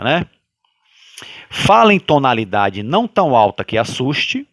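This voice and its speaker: A man with a Brazilian Portuguese accent leading a guided religious study, talking loudly by habit and often checking in with his listeners. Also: mid-range voice, gravelly, no echo. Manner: animated, sways between loud and soft. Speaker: study group leader.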